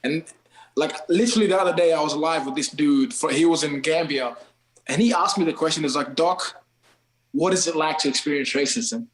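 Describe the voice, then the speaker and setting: A man's voice: on the high side, brisk, roomy sound, rough recording. A man from Kenya, a guest on a podcast, talking loosely in slang and calling everyone bro and man. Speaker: podcast guest, TikTok creator. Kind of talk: casual podcast chat.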